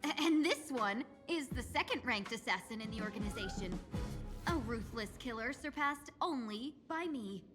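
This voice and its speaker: A woman playing a smug, boastful fox-lady assassin leader in a game, speaking with slow dramatic flourish. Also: fairly high pitch, lively intonation, lightly acted. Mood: grand boasting. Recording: music behind the voice.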